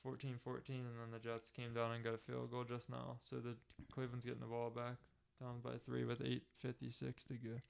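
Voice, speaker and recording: An excitable young man in his twenties co-hosts a casual podcast, full of fillers and quick reactions. His mid-pitched voice is gravelly but clear, and his intonation stays flat. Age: 20s. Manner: excitable, filler-heavy talk. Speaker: podcast co-host. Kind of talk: casual chat.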